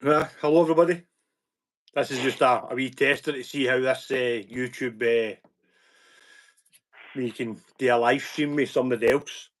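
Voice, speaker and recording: A man's voice: medium pitch, fairly even intonation, moderate pace, long pauses. A man with a Glaswegian Scottish accent chatting loosely on a live stream as the channel host, stop-start with repeated words. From Scotland. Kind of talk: casual live-stream chat.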